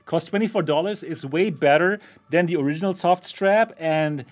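A man's voice: on the high side, normal speed. A man hosting a casual tech podcast chat, often laughing as he talks. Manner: laughs often while talking. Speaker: host of a VR channel.

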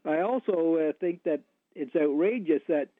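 A male caller on a talk radio show, heard over the phone, talking haltingly with many restarts. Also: a little high, no echo. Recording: tinny dry phone line.

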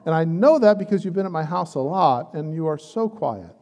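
A man's voice: on the high side, expressive, fairly quick, a little mellow. A middle-aged man, a pastor, talking casually to a church group with a handheld microphone, rambling and joking as he encourages them. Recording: long hall reverb with murmuring crowd.

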